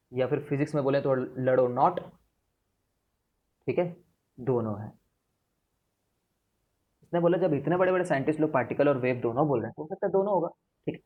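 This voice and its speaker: A young man teaching physics to a class in a chatty, lively way, mixing in English phrases. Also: mid-range voice, dull audio. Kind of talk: classroom lecture.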